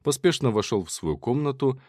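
A man narrating a novel in a measured, expressive reading voice. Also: mid-range voice, husky, dry recording, studio quality. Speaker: audiobook narrator.

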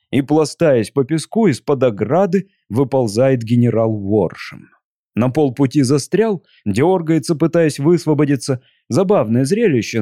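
A man narrating a storybook in an even, measured way. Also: medium pitch, no echo, studio quality. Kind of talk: audiobook reading.

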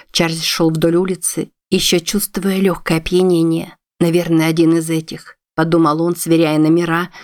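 A woman narrating a novel aloud in a steady, measured storytelling manner. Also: low voice. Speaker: audiobook narrator.

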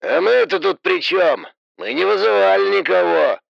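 A hoarse, gravelly perimeter guard barks at you over a crackly, muffled radio channel, as a male audiobook narrator puts him on. His voice sits high and swings up and down as he drags out each taunt. It sounds like a police radio call from a storybook world. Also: big pitch swings, dry recording, exaggerated voice. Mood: dismissive. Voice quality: hoarse, rasping. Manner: slow, taunting, drawn-out delivery. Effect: heard over a two-way radio. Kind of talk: audiobook character voice.

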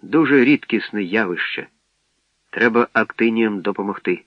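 A man's voice: fairly low pitch, moderate pace, no echo, natural voice. A man voicing a stern adult male spaceship captain who speaks firmly and decisively, on a dull, dry recording. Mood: angry.

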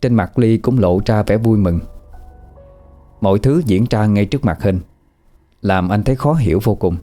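A man narrating a ghost story in a steady, sorrowful manner. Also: on the low side, moderate pace, faint music behind.

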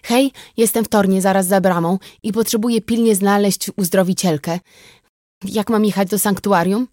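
A woman reading the part of a tough, composed young woman who speaks calmly and bluntly with a dry wit, in an audiobook. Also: mid-range voice, moderate pace, no room sound, lightly acted. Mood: wry. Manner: calm, blunt, wry.

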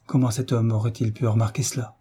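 A man's voice: mid-range voice, level tone, quick pace, dark tone, husky. A man reading the part of a frightened young mother, speaking with anxious urgency.

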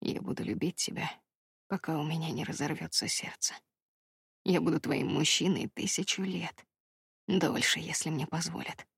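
A woman reading the part of a remorseful young fisherman in love, speaking low in a husky half-whisper. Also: normal speed, no room sound, full character voice. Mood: devoted. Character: remorseful crab-fisherman lover, young man.

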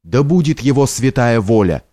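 A man reading an audiobook voices a troubled young man who speaks earnestly, lifting his voice higher. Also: very animated, normal speed, dark tone, no echo, clean studio sound. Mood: solemn.

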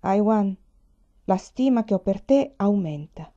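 Lady doing calm young peasant guy, plain and friendly, dark mellow voice. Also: mid-range voice, measured pace, close to an everyday voice. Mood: earnest. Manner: calm, plain, good-natured. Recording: dull lo-fi recording.

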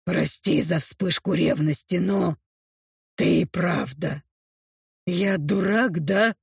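A woman voicing a young male orc, speaking low and subdued with remorse, in an audiobook reading. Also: takes it slowly, vocal fry, darkish tone, husky, dry recording, clean studio sound, heavily acted. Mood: remorseful. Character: young male orc, gruff yet apologetic. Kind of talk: audiobook character voice.

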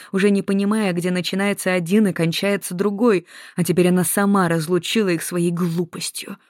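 An audiobook narrator reading in an even, measured voice of middle pitch. The sound is dry and close to the mic, with no room around it. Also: no room sound. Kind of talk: scripted narration.

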